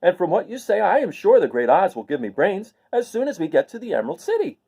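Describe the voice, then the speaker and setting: A man's voice: high voice, huge pitch swings, fast talker, vocal fry, mellow, husky, pitched above the performer's own voice, heavily acted. A man voicing a naive, earnest and cheerful scarecrow stuffed with straw in a storybook reading. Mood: wistful, eager. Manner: earnest, artless, wondering.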